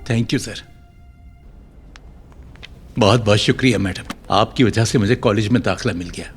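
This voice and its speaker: A man's voice: lowish voice, normal speed, close to an everyday voice. A man voicing an eager, polite middle-aged father who has joined a college, in a dubbed film with music behind. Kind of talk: Hindi film dub.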